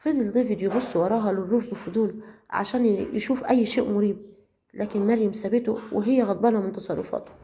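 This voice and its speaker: A woman with an Egyptian Arabic accent narrating a dramatic serial story in a steady way. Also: mid-range voice, fast, slight background noise. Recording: slightly muffled lo-fi audio.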